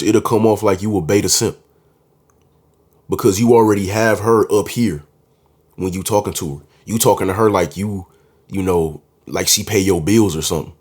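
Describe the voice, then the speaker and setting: A man's voice: on the low side, a little mellow. A man talking casually to camera, giving dating advice in a confident, slangy way and often calling the listener "bro". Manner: confident, emphatic.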